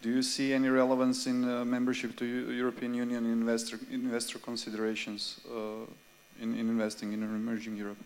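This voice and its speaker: A man asks a question from the audience in a flat, even voice. He chooses his words carefully and hesitates, repeating some of them as he goes. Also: mid-range voice, a little fast. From Croatia. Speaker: audience member asking a question. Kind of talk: conference Q&A question.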